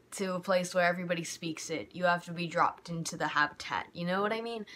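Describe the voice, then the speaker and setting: A young woman from the United States records a personal vlog in her bedroom by a window, rambling candidly about her emotions with plenty of "like" and restarts, and heating up when frustrated. Her medium-pitched voice sounds pushed and bright, and there's a little hiss or hum.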